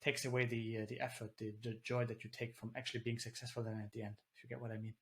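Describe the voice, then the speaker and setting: In a casual video-call interview, a male guest rambles, using lots of fillers and restarts. Originally from Germany and a native German speaker, he lives in the Netherlands, talking rapid-fire in a level, mid-range voice that's a bit bright.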